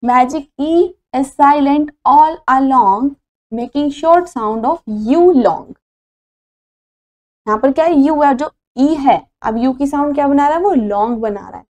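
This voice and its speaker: A woman teacher leads a phonics lesson, spelling each word out letter by letter and then saying it whole. Her voice sits high and she takes it very slowly, switching between Hindi and as she explains. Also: darkish tone. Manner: spells words letter by letter, then says them; mixes Hindi and English explanations.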